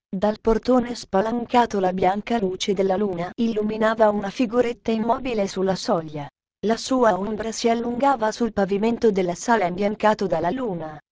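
A woman reading a children's classic aloud in measured storybook narration. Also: mid-range voice, darkish tone. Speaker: audiobook narrator.

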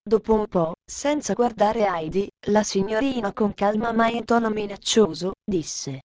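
Woman narrator, storybook reading, steady and clear, mid-pitched. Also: moderate pace, crowd noise.

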